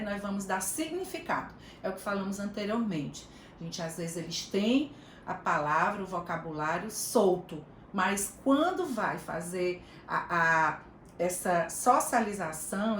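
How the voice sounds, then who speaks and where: A woman's voice: fairly low pitch, reverberant, slight background noise. Woman teaching over a video call. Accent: Brazilian Portuguese. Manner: warm explanatory, chatty asides, addresses listeners by name. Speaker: teacher trainer. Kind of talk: online training lecture.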